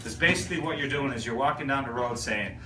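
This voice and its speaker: A man's voice: mid-range voice, fast. A man with a Newfoundland accent hosting a joking lesson, playfully drilling the crowd in call-and-response. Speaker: host teaching visitors local sayings. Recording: echoey room from far off with loud noise.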